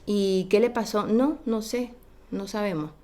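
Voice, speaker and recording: A woman's voice: medium pitch, a little slow. Woman telling a spooky childhood story. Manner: animated, acts out quoted voices of children. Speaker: guest storyteller. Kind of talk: casual storytelling on a podcast.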